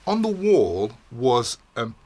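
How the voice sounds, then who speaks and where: A middle-aged man, a podcast guest telling his story in a studio with many pauses, fillers and repeated words. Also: medium pitch, sing-song, a little mellow. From England. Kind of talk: casual interview storytelling.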